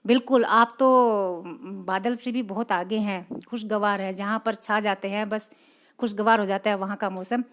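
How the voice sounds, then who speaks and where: A woman's voice: medium pitch, fairly even intonation, moderate pace. A woman poet hosting her own live reading, greeting viewers one by one and reading out their comments in a polite, respectful manner.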